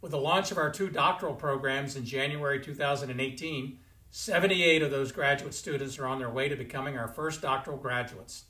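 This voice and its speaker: A man in his sixties, a university president giving a formal commencement address from a home study, in a measured, stately delivery. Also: medium pitch, bright, forceful tone. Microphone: fixed camera, chest-up framing. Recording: roomy indoor echo.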